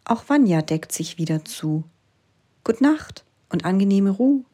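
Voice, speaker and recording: A woman reading a rhyming children's story aloud, dropping into soft whispers for suspense. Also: mid-range voice, expressive, a little slow.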